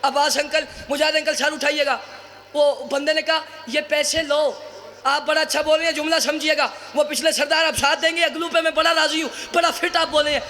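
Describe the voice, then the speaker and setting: A man preaching at a mourning gathering, fervent and building to shouted, drawn-out refrains. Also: extremely high pitch, fairly even intonation. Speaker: zakir, majlis preacher. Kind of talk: impassioned majlis oratory. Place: mourning gathering before a crowd.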